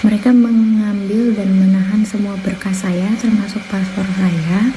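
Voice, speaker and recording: Woman from cirebon pleading into camera, flat monotone, dark soft voice. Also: mid-range voice, a little hiss or hum, rough recording. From Cirebon, West Java. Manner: pleading, measured, slightly stumbling. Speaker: person making a video plea. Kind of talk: prepared spoken statement.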